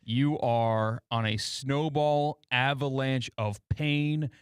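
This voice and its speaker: A man's voice: mid-range voice, steady tone, slow pace, clear, resonant tone, no echo, studio quality. An American man chatting casually as a co-host on a radio show. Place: radio studio.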